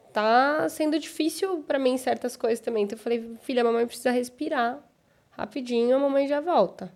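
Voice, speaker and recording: A woman's voice: high-pitched, a little mellow. A Brazilian woman hosting a podcast, talking candidly and reflectively about her own experience as a mother. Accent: Brazilian Portuguese. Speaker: podcast host. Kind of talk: casual conversation.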